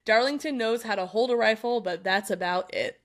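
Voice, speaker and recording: A young adult woman co-hosting a book club podcast, recapping chapters in an animated, casual way with frequent laughs and quick asides. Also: fairly high pitch.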